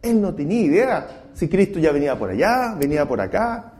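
A man preaching a sermon as pastor, swinging between loud cries and hushed asides and acting out quoted voices. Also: on the high side, very animated, fairly quick.

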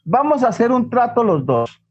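A man's voice: very high voice, sing-song, husky, heavily acted. A man playing a stern devout mother. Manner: slow, stern, deliberate scolding. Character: stern, devout mother scolding her son. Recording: dull lo-fi recording.

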